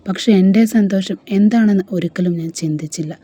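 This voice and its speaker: A woman's voice: medium pitch, a little fast, mellow, breathy edge, natural voice. A woman voicing a heartbroken married woman who pours out her sorrow in a storybook reading. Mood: sorrowful.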